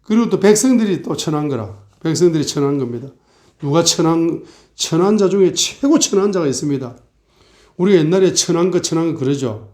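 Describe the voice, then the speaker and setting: A man's voice: on the high side, expressive, fairly quick, a little mellow. A middle-aged male pastor preaching a sermon, asking the congregation rhetorical questions and acting out mocking and complaining voices.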